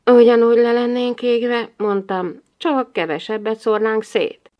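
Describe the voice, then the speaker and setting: A woman narrating a humorous novel in the first person, with a wry, lively delivery. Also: fairly high pitch, highs cut off. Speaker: audiobook narrator.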